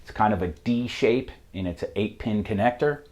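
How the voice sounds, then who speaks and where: Southern-accented male mechanic, low-pitched, methodical whiteboard instructor. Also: normal speed, muffled recording. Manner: methodical, plain-spoken, steady. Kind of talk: technical how-to explanation. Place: shop with a whiteboard.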